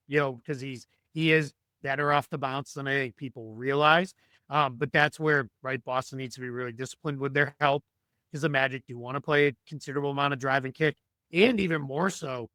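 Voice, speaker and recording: A man's voice: medium pitch, pushed and bright, no echo. A man losing his voice, talking through basketball analysis as a podcast guest, thinking aloud with many restarts and ums.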